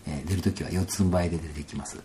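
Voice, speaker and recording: A man with a Kansai accent telling a personal story in a casual interview, animated and laughing often, sometimes dropping to soft asides. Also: low voice, racing, background noise. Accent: Kansai Japanese.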